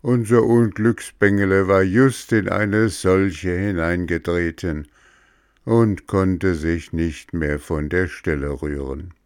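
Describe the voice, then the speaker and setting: A man reading an old-fashioned children's story aloud in a measured narrating voice. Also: sits low, fairly even intonation, clear, resonant tone, no room sound, clean studio sound.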